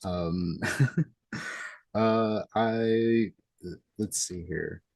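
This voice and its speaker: A man's voice: fairly low pitch, very slow, creaky, a little mellow, dry recording. A young man in his twenties hosting a casual interview over a video call, chatty and rambling with restarts. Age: young adult. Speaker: host. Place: small room at home.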